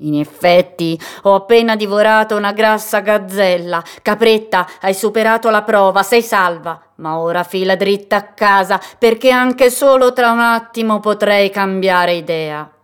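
A woman voicing a sly, menacing hyena in a storybook reading, with a nasal voice and slow, drawn-out speech. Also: medium pitch, clear, resonant tone, lightly acted. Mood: smug.

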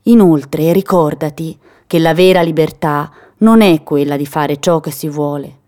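A woman's voice: low-pitched, measured pace, darkish tone. A woman as a wise mother goat. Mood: admonishing. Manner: earnest and admonishing. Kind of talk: storybook reading.

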